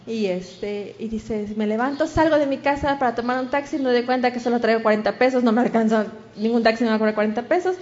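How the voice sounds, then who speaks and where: A woman's voice: fairly high pitch, quick pace, hardly any pauses, a little mellow, highs cut off. A woman with a Mexican accent preaching a sermon, telling a story and acting out the voices of the people in it.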